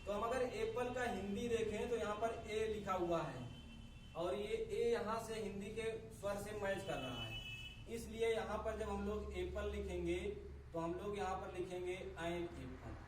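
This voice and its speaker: A man teaching a grammar lesson, explaining slowly and methodically, spelling out sounds one by one. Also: high-pitched. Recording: echoey room, voice from a distance, faint ambient noise.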